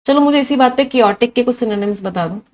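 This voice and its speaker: A woman with a rather high voice speaks fast while teaching English vocabulary in a live online class. She blends Hindi and English, reels off synonym after synonym, and quizzes her students as a lively teacher.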